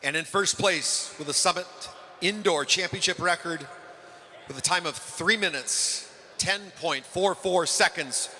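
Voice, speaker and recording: A man making slow, formal meet announcements over a PA system in a large indoor track arena. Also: high voice, pushed and bright. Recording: echoey arena PA from far off, background noise.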